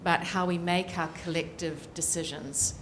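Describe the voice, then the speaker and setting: A woman's voice: lowish voice, fairly even intonation, moderate pace, a bit bright, slight background noise. A middle-aged woman with a New Zealand accent, speaking earnestly as a panelist and political scientist with frequent ums. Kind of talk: panel discussion remarks.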